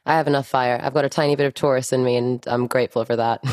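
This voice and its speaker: A young woman, an actress, with a mixed mostly English accent with a slight Spanish lilt, chatting brightly and gratefully in an interview. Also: very deep voice, fairly even intonation. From born in Miami, raised abroad. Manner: bubbly, grateful, quick to laugh. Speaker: actress guest. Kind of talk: casual interview chat.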